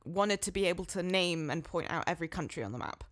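A young British woman chatting casually as a podcast co-host, with an animated, talkative manner. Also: lowish voice, fast. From United Kingdom. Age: young adult. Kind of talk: casual chat.

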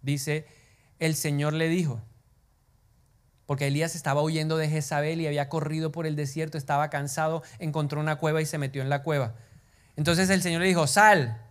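A man preaching a sermon, animated, sometimes dropping to a whisper and putting questions to the congregation. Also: fairly high pitch, fairly quick. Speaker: pastor.

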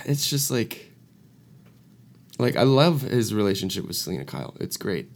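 A man's voice: fairly low pitch, sing-song, moderate pace. A hungover man co-hosting a casual podcast, griping bluntly in slangy, rambling talk. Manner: hungover, feeling awful. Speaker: podcast co-host. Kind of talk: casual chat, opinionated rambling.

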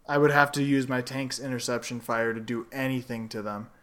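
A man's voice: medium pitch, level tone, fairly quick, a bit bright. A man co-hosting a casual podcast from home, telling rambling, jokey stories about a game. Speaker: podcast co-host. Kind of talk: casual chat.

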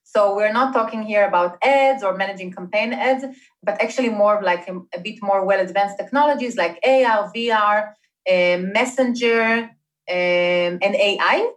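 In a conversational interview, a woman from Israel appears as a guest; she manages startup investment partnerships. Her voice sits at medium pitch, she speaks at a moderate pace, and her chatty speech is full of fillers.

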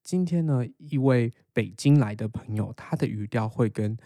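A man's voice: medium pitch, normal speed, warm tone, dry recording. A young man with a Taiwanese Mandarin accent who hosts a podcast, casually and patiently explaining how he learns English. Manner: explains patiently, then reads English lines aloud as a shadowing drill. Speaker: podcast host.

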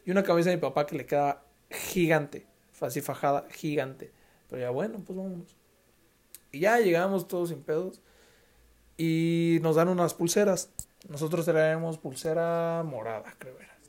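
A young man with a Mexican Spanish accent tells stories on his podcast. He talks loosely and full of slang, and he keeps slipping into the voices of the people he quotes. His voice sits a little high. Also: moderate pace, darkish tone. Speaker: podcast host. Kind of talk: casual storytelling.

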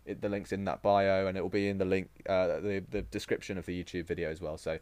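A man's voice: low-pitched, little pitch movement, fast, a little mellow, clear, resonant tone, no room sound. A man hosting a casual podcast, chatty and jokey, often laughing and restarting his sentences. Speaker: podcast host.

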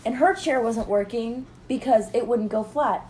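A woman's voice: fairly high pitch, normal speed, a little mellow. A young woman in casual chat, telling a sarcastic story and mimicking the people in it. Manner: storytelling, mimics others in quoted dialogue, sarcastic.

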